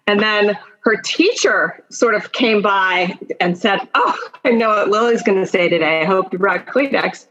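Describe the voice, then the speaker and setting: On a muffled recording, a middle-aged woman talks at a moderate pace in a medium-pitched, fairly bright voice. As a podcast guest who works as an attorney and mentor, she tells personal stories and gives career advice, encouraging and emphatic, straight to the listener.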